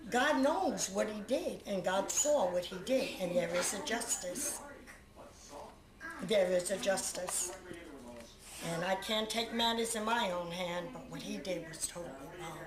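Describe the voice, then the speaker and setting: A woman's voice: on the low side, measured pace, long pauses. A middle-aged woman, the mother of a beaten man, being interviewed and talking indignantly, repeating herself as she describes photos. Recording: roomy with crowd noise.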